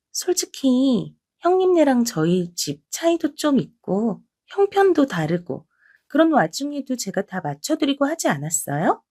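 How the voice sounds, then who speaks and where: A woman's voice: high voice, darkish tone, full character voice. A woman voicing a snide, condescending younger sister-in-law in an audio drama, talking down with mocking sarcasm. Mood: exasperated.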